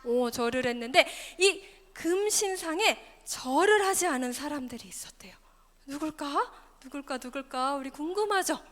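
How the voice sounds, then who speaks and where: A woman's voice: high-pitched, normal speed. A woman teaching a preschool Sunday school class, telling a Bible story with gasps, whispers and questions to the children. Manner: animated, gasping, dropping to whispers, questions to children. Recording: echoey hall with faint music.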